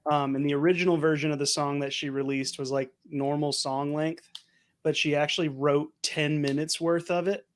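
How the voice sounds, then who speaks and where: Young man, podcast co-host, slightly high pitch, rambling casual talk. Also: level tone, moderate pace. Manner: rambling, uses "like" a lot. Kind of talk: casual chat.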